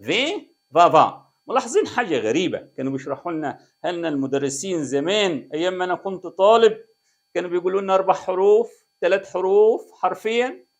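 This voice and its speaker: A man's voice: high voice, fast talker. A middle-aged man with an Egyptian Arabic accent teaching a French lesson, drilling pronunciation and checking in with his students. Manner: lively, repetitive drilling, asks "tamam keda?" often. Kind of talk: classroom-style lesson explaining French grammar.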